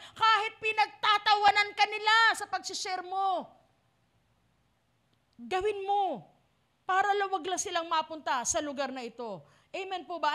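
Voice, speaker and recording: High bright-voiced Filipina woman pastor. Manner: dramatic, acts out voices of the lost. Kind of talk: sermon.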